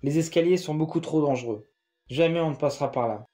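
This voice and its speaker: Narrator doing a steady grown man giving orders, firm, mellow tone. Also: a little high, brisk, faint music behind, lightly acted. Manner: firm, instructive. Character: calm helpful adult man, neighbor Laurent.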